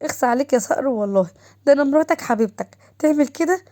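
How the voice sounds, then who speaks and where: A woman voicing a shrill Egyptian young wife. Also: expressive, very fast, dark tone. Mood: squealing. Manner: squealing, protesting.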